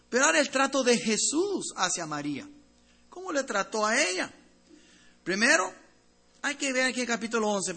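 A man preaching to his congregation in a high, bright voice with a husky, breathy edge. His delivery swings between forceful, emphatic declarations and soft, near-whispered passages. He speaks to the listeners directly and calls them brothers. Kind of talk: sermon.

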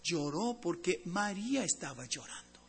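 A man preaching a sermon to his congregation. He swings between loud, emphatic lines and hushed, tender ones. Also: high voice, big pitch swings, normal speed, gravelly, slight background noise. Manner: addresses congregation as brothers.

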